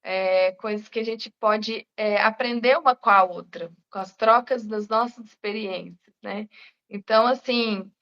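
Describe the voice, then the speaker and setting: A woman's voice: mid-range voice, fairly even intonation, unhurried, fairly bright tone. A woman therapist in casual live chat, speaking reflectively and often ending with "né?". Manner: reflective, many "né?" tags. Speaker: integrative therapist. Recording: dull lo-fi live stream audio.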